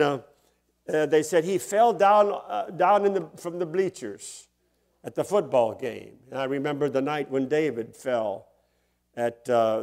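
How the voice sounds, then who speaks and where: A man's voice: mid-range voice, a little mellow. An older man, a pastor, preaching a sermon and telling personal stories in a conversational way, chuckling often and rising into emphatic bursts.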